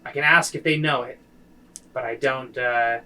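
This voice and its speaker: Earnest old-soldier village chief, soft and halting, a guy doing him, bright tone. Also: medium pitch, fairly even intonation, poor audio. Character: earnest middle-aged male village leader, soldierly.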